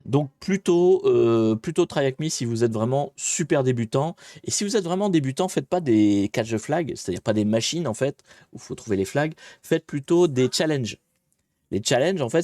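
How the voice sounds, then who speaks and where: A man's voice: mid-range voice, a little mellow, no room sound, studio quality. A man hosting a casual live-stream hacking tutorial, chatty and self-deprecating, greeting viewers and hesitating often. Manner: chatty, rambling, many hesitations.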